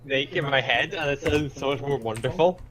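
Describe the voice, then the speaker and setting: A man chatting casually as a tabletop player, haltingly and repeating his words. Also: medium pitch, a crowd in the background. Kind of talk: casual tabletop game chat.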